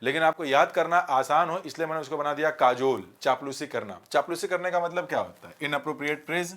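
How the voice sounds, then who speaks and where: A man teaching vocabulary with memory tricks, asking rhetorical questions and repeating key words slowly. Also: fairly high pitch, a bit bright. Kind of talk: vocabulary lesson with mnemonics.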